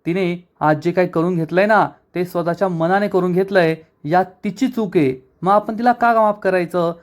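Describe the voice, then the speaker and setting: A man's voice: sits high, steady tone, normal speed, natural voice. A man retelling a TV serial scene, voicing an angry young brother who refuses to forgive his sister. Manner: stern, heated.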